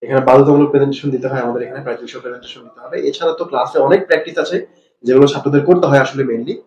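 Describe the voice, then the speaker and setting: A man's voice: mid-range voice, rapid-fire, muffled recording, slight background noise. Bangladeshi man teaching in an echoey room. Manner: mixes Bengali and English, calm questioning. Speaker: English teacher. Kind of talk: oral test and explanation to viewers. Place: classroom. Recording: echoey classroom with faint ambience.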